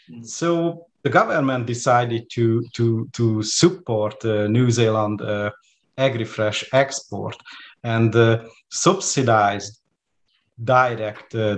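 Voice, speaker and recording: A man in his forties from Hungary with a Hungarian accent, speaking as an interview guest over a video call, hesitant with many fillers and restarts. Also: medium pitch. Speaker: guest lecturer. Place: home room with plants. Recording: faint background noise on video call.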